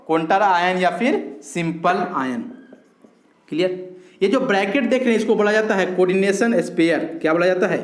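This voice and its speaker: A man's voice: sits high, roomy sound. A male chemistry teacher giving a lecture, repeating each key term as a question and answering it, and calling his students fondly. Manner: repeats key terms as call-and-response questions; addresses students fondly, drawn-out emphasis. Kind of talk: recorded classroom lecture.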